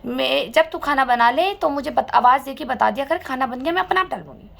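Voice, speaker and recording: A woman's voice: high voice, animated, a little fast, creaky, exaggerated voice. A woman mimicking her haughty older mother-in-law, curt and dismissive. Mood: scornful.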